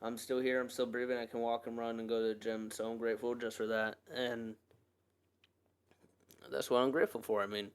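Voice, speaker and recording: A young man hosts a personal podcast monologue, earnest and rambling, often starting over and using lots of fillers. His middle-pitched voice is level in tone, clear and resonant, and he talks a little fast.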